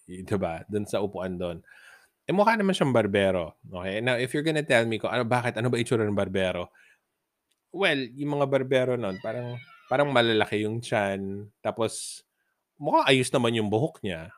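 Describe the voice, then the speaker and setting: A man's voice: mid-range voice, expressive, moderate pace, no echo, studio quality. Laughing man telling funny stories. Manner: laughs often while telling funny stories, mixes English into his talk. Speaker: podcast host. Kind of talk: casual storytelling.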